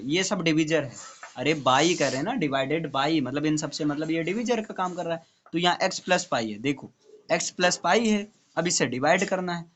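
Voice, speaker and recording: A man's voice: fairly high pitch, a bit bright, slight background noise. A male tutor teaching maths to a student, explaining step by step and checking in often. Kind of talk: classroom maths lesson.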